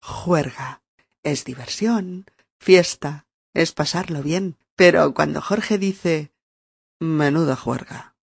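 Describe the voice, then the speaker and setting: Teacher, gravelly, close and dry sound, podcast lesson. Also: mid-range voice, takes it slowly, no echo. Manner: spells words out letter by letter, laughs often; acts out example phrases with lively shifts in tone. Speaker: Spanish teacher.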